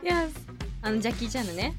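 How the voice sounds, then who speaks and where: A woman's voice: fairly high pitch, animated, rapid-fire, music in the background. A woman co-hosting a casual podcast chat, playful and slipping English phrases into her talk. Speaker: podcast co-host.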